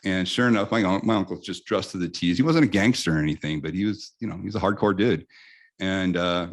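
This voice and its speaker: An American man in his fifties, appearing as a guest in a casual interview, tells animated stories and often restarts his sentences. His voice sits low and he speaks fairly quickly.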